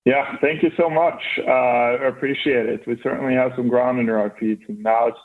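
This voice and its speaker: This thirty-something Norwegian founder speaks with a faint accent, replying earnestly to interview questions while frequently restarting and filling gaps. His medium-pitched voice keeps a fairly even intonation and a slightly quick pace, recorded through a band-limited phone line.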